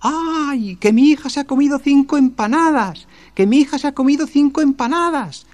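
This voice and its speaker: A woman's voice: deep voice, big pitch swings, moderate pace, dark tone, pitched above the performer's own voice. A man voicing a panicky mother in a folktale, wailing and fretful. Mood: shrieking. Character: frantic mother, panicky and shrill.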